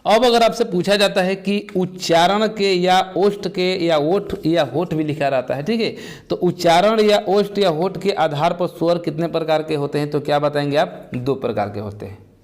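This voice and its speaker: A man's voice: fairly high pitch, normal speed, a little mellow. A man teaching an exam-prep lesson, who asks the class questions and answers them himself, repeating the key terms step by step.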